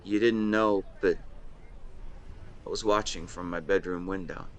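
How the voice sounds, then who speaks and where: Against faint seaside boardwalk sounds and slight background noise, a young adult man in a romantic audio drama confesses love to his best friend. The actor's lowish voice holds a steady tone as he speaks tenderly and earnestly, in halting, nostalgic, gentle phrases.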